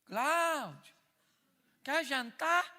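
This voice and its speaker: A shrill, indignant wife shrieks her complaints at a high, piercing pitch, as a male preacher puts her on. The voice is bright and cutting, and it rings through a big reverberant church hall. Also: lively intonation, very slow, heavily acted. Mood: calling sweetly. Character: upset wife shouting at her husband.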